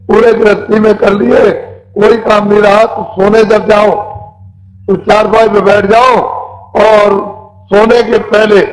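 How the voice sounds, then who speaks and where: Man, high voice, spiritual preacher, devotional teaching, short simple phrases, frequent repetition, instructive delivery. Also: rough recording. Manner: quizzes listeners with simple questions. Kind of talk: devotional sermon teaching meditation.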